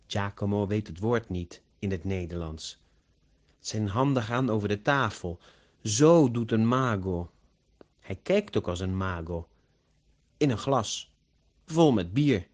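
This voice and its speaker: A man narrating a story slowly and carefully, as an audiobook for language learners. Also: fairly low pitch. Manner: slow, carefully pronounced.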